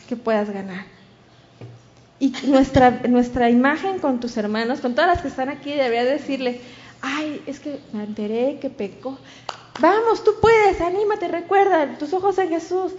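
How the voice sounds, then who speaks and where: A woman's voice: high-pitched, darkish tone, highs cut off. A woman with a Mexican accent preaching a sermon, telling a story and acting out the voices of the people in it.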